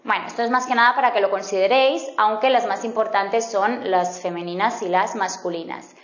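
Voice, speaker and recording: A woman teaching a grammar lesson, patiently spelling out example words slowly. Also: medium pitch, fairly even intonation. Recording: roomy, slightly dull sound.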